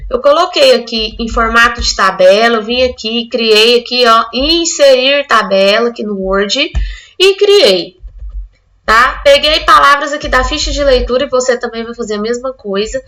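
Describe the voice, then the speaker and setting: A woman's voice: high voice, sharp tone. A woman from Brazil teaching an online literacy lesson, explaining step by step and acting out a child's answers.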